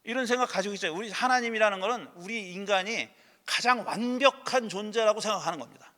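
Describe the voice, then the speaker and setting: Bright, high-voiced preaching man. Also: quick pace, long reverb tail. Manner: conversational preaching with rhetorical questions and sharp dismissive asides. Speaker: pastor. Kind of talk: sermon. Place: church sanctuary.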